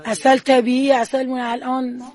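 A woman's voice: high-pitched, little pitch movement, darkish tone. A woman who makes dairy products in her village, introducing herself in plain, proud village talk. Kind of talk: casual on-site interview.

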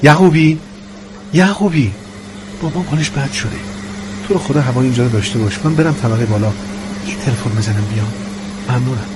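A man's voice: mid-range voice, very noisy, lightly acted. A man playing a worried young engineer, an anxious husband who pleads urgently in a spoken story.

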